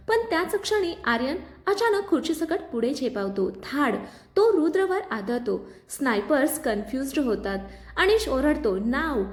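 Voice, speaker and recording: A woman telling a dramatic story with expressive narration. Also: high-pitched, roomy sound.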